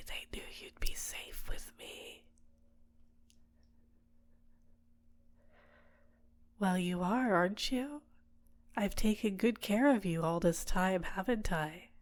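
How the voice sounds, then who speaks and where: In an intimate ASMR roleplay, a woman voices a possessive, manipulative villainess who coaxes and teases a captive, speaking softly and sometimes whispering. Her mid-range voice sounds natural.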